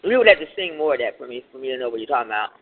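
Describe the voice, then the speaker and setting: A woman's voice: rumbling low, big pitch swings, rapid-fire. A woman hosts a live call-in show in a casual, chatty way, talking between mouthfuls. Her voice comes over a narrow, phone-like remote broadcast line. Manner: eating while talking. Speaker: radio call-in host. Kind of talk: casual live radio chat.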